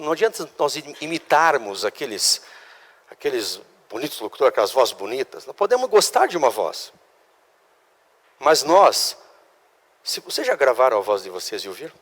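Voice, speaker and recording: A man's voice: medium pitch, a bit bright. A man with a Brazilian Portuguese accent teaching a class on legal public speaking, emphatic, restarting words and asking the class questions. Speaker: law school oratory instructor. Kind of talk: classroom lecture. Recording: long reverb of a hall.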